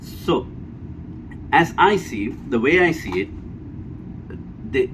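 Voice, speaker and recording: Speaking slowly in a mid-range voice, a man with a Sri Lankan accent gives his personal opinion as a vlogger in an unscripted monologue. He's blunt, emphatic and repetitive, frequently seeking agreement, and the recording has a clear, steady background hum from an air conditioner.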